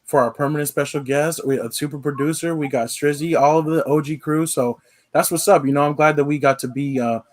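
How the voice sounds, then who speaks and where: A man hosting a casual sports podcast, laid-back and relaxed, with frequent fillers. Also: fairly high pitch, a little fast. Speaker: podcast host. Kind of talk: casual sign-off chat.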